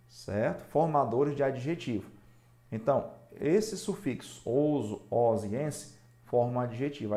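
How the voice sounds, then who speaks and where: A man's voice: medium pitch, warm tone. A male teacher with a Brazilian Portuguese accent explains spelling rules and keeps checking in with the viewer. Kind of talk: recorded spelling lesson. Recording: echoey room.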